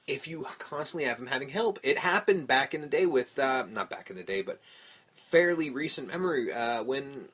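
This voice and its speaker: A man's voice: medium pitch, lively intonation, normal speed, a bit bright, slightly rough. A man co-hosting a podcast in casual chat, blunt and opinionated, swearing often, and stuffed up. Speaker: podcast co-host.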